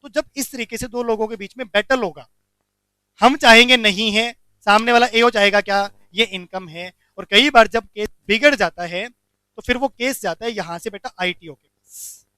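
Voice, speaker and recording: Animated high-voiced man lecturing students. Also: moderate pace, clear, resonant tone, no echo. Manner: animated, asks students questions and answers them. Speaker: commerce lecturer. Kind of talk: classroom lecture.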